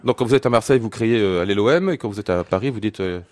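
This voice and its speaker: A man's voice: lowish voice, racing, darkish tone. A male host of a live radio talk show, asking playful questions and laughing often. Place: live public broadcast in a hotel.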